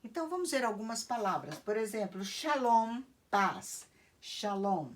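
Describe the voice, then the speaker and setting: A woman's voice: medium pitch, very animated, fairly quick, a bit bright. A woman teaching a lesson on an alphabet, explaining patiently and step by step. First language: Portuguese.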